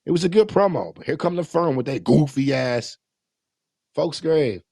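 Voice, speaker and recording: A man casually recapping and reviewing a wrestling show, animated, swearing freely and acting out quotes. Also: a little high, moderate pace, vocal fry, no room sound, studio quality.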